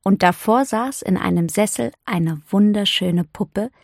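A woman narrating a storybook audiobook in a calm, even storytelling voice. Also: mid-range voice, measured pace, gravelly, no echo, clean studio sound.

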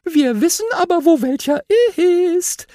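A man's voice: very high voice, measured pace, mellow, dry recording, clean studio sound, voice pushed up. A man voicing a tiny chirpy bird with a piping voice, for a children's audiobook.

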